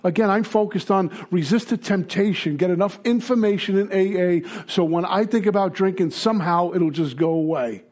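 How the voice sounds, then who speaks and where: Brooklyn-accented man, recovery meeting speaker, blunt and halting, a touch high. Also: a little mellow. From Brooklyn, New York. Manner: blunt, halting, with many fillers. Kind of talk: personal testimony talk.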